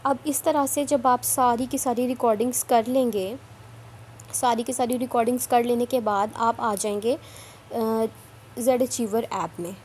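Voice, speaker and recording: An online work trainer with a higher-pitched, darkish voice walks through recording and sharing audio files step by step, speaking at a measured pace with fairly even intonation. She repeats herself and occasionally scolds in an instructive way. Slight background noise is audible.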